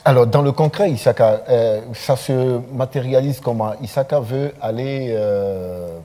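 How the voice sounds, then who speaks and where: A man's voice: medium pitch, unhurried, dark tone. A man hosting a TV talk show, affirming the guest and asking probing follow-up questions. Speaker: host.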